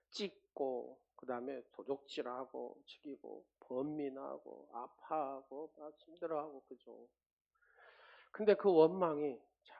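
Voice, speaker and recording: A man preaching a sermon as pastor. He calls out questions to the congregation and swings from loud exclamations to hushed, whispered asides. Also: mid-range voice, gravelly, phone-quality sound.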